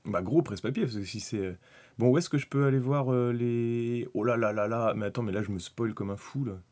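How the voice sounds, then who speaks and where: A man's voice: medium pitch, brisk, mellow. A man chatting casually through a live stream about hobby miniatures, thinking aloud, rambling, with many fillers and restarts. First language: French.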